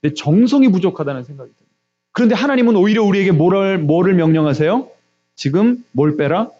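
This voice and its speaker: A man's voice: animated, fast, highs cut off. A man preaching a sermon as pastor, asking the congregation questions and answering them himself. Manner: acts out God's voice with quiet, low asides.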